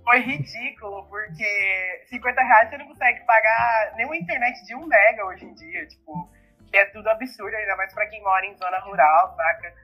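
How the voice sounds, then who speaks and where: A woman's voice: mid-range voice, brisk, bright, forceful tone, breathy edge, soft background music, poor audio. A woman with a Brazilian Portuguese accent, speaking indignantly in a casual podcast chat. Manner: indignant, critical.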